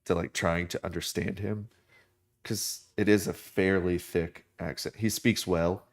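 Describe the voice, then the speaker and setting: A man with a very low, deep voice talks casually to his viewers while he draws. He rambles, restarts his sentences and fills pauses with "um". It sounds like a desk microphone at his computer. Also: creaky. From United States. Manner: relaxed, rambling, many fillers and restarts. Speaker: artist live streaming a drawing session.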